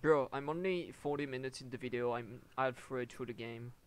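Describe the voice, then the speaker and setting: Over a headset or desk mic on voice chat, a young gameplay streamer plays a horror game, chatting casually, joking, teasing a friend, and laughing a lot. His voice is medium-pitched, smooth, and at normal speed.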